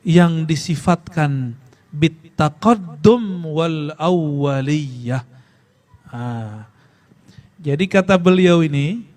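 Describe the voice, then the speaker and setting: A man's voice: a little high, darkish tone. Man teaching a casual sermon. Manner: conversational, quizzes listeners, chants Arabic phrases slowly. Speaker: preacher teaching a study circle. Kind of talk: informal religious lesson.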